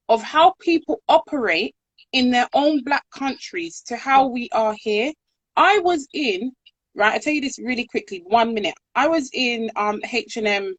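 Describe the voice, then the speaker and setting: A woman hosting a podcast, chatting casually and telling stories in an animated way. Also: a little high, no room sound. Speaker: podcast host. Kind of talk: casual interview chat.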